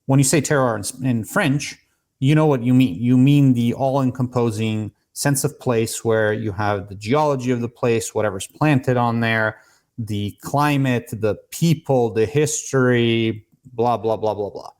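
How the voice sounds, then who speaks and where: A Serbian cigar maker in his thirties, a guest on a casual podcast, explains things and tells stories in a medium-pitched, somewhat dark voice. He speaks a little slowly and restarts his sentences often.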